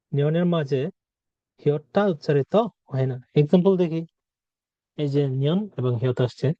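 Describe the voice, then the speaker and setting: A man teaching a language lesson, saying words slowly and repeating them to drill their sounds. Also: a little high, no echo. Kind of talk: spoken lesson. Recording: dry, dull lo-fi sound.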